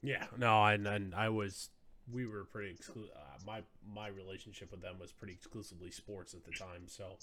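A man co-hosting a casual podcast, arguing his points in a measured way with frequent thinking pauses. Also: on the low side, steady tone, crowd noise. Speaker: podcast co-host.

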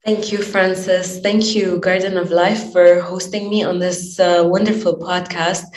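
A woman's voice: lowish voice, steady tone, unhurried, a little mellow, roomy sound, poor audio. A woman from Lebanon, a life coach, speaking earnestly and passionately in a podcast interview, with many fillers.

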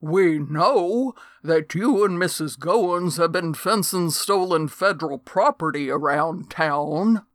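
Calm male federal agent with a slow, unhurried drawl, as read by a woman, in a dry, close audiobook sound. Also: fairly low pitch, dry recording. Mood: businesslike. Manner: slow, steady drawl with "y'all". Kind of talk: audiobook character voice.

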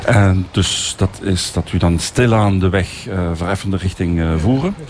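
A man's voice: deep voice, normal speed, a little mellow, slight background noise. A man with a Belgian Dutch accent doing a casual local radio interview, searching for words as he asks questions.

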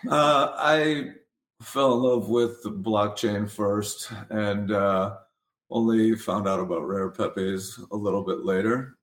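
A hoarse man who is losing his voice, a pizzeria owner guest, speaking matter-of-factly and clearing his throat. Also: fairly low pitch, steady tone, takes it slowly. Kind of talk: casual panel chat. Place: shared room with other guests. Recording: echoey room.

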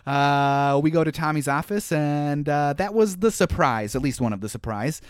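A talkative man in a casual movie-recap chat, rambling from scene to scene with quick laughs. His voice sits a bit higher than most men's, recorded close and dry with no room sound. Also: clear, resonant tone, no room sound. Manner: chatty, rambling, with frequent laughs and "uh" fillers. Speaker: podcast co-host recapping a film.

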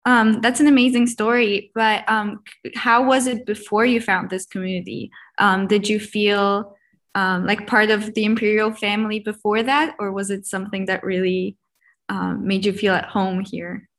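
A woman's voice: medium pitch, little pitch movement, moderate pace, fairly bright tone. Polite young woman hosting a podcast. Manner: polite, hesitant with many ums in questions. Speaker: podcast host. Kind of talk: scripted podcast intro and interview questions.

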